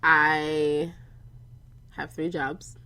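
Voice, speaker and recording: A woman's voice: sits low, flat delivery, extremely slow, sharp tone, smooth. A young woman co-hosting a podcast in casual chat, playful and teasing with her friends. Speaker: podcast co-host.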